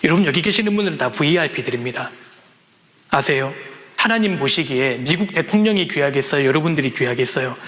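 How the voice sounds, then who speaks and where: A male pastor preaches with earnest conviction, his voice sitting fairly high and climbing sharply at each exhortation. A long reverb trails behind his words in the sanctuary. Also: lively intonation, fast, fairly bright tone. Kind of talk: sermon. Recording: long reverb in a large hall.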